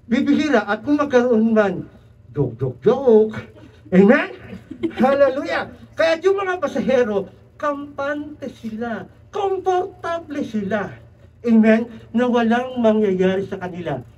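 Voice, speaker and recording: A man preaching an animated sermon who keeps calling "Amen?" to the congregation and mixes in English phrases. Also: very high-pitched, unhurried. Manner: mixes English into his talk. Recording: distant, dull church recording.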